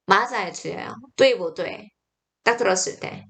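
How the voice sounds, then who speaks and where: A woman's voice: mid-range voice, normal speed, gravelly, a bit bright. A young woman teaching pronunciation in an online lesson, drilling syllables one by one and correcting mistakes emphatically.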